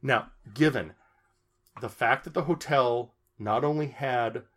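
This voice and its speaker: A man's voice: mid-range voice, slow, a bit bright. A man chatting casually on a podcast, telling a story in a rambling way with many restarts and amused asides.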